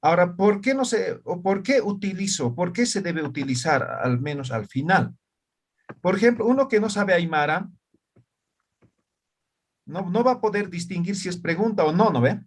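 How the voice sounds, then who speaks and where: A man's voice: sits high, lively intonation, moderate pace. A man teaching an online class in Spanish and Aymara, often checking whether his students follow. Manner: asks frequent check questions.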